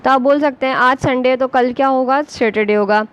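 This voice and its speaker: A woman with an Urdu accent teaching a basic English lesson to beginners. She speaks slowly and patiently, spelling words out letter by letter. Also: high voice, steady tone, clear, resonant tone, rough recording.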